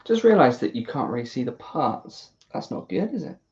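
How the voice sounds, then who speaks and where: A woman's voice: very deep voice, very animated, moderate pace, darkish tone. British woman, casual self-deprecating rambler, dull lo-fi mic. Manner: chatty, self-deprecating, talks to herself. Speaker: YouTuber building a model kit. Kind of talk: casual rambling chat while building. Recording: dull lo-fi recording.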